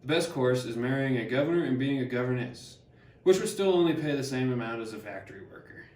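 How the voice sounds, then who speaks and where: A man's voice: medium pitch, expressive, fast, a little mellow, close to an everyday voice. A young man playing Harriet Martineau, a learned older woman, reading lines plainly with small stumbles. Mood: measured. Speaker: student actor. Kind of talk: amateur class skit read from script. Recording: echoey room, distant mic.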